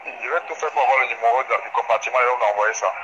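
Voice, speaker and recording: A man on a phone call who speaks briskly and keeps repeating his questions. His voice comes through a phone line. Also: medium pitch. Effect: muffled phone line. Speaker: person answering a phone call from Libya. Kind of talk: phone conversation. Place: on the far end of a phone call. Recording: muffled noisy phone line.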